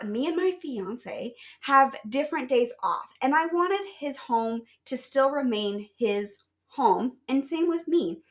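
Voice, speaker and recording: A young woman hosting her own podcast, talking in a casual, chatty and upbeat way straight to her listeners. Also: fairly high pitch. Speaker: podcast host. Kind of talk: casual solo podcast talk.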